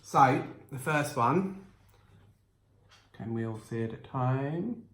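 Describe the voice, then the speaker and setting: A man chatting casually as a guest, making dry deadpan jokes and reading short book passages aloud. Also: medium pitch, slow pace, noisy background. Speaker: guest, host's partner. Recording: echoey room.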